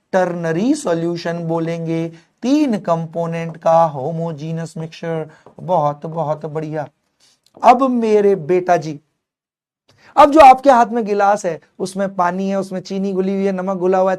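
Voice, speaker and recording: A young male chemistry teacher giving an animated online exam-prep lecture, mixing Hindi with English terms and calling his students his kids. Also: high voice.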